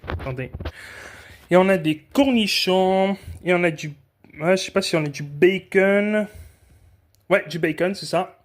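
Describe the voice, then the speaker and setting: Man from France, casual tasting vlog, slightly high voice, talkative, restarts sentences. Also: measured pace, pauses often. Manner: rambling, chatty, frequent self-corrections. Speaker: food vlogger.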